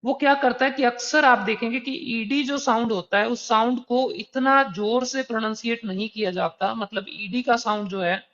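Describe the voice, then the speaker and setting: A man's voice: very high-pitched, fairly even intonation, normal speed, hardly any pauses, a bit bright. A man teaching an exam preparation lesson, explaining patiently and conversationally with worked examples. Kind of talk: recorded online lesson. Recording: dull, slightly lo-fi recording.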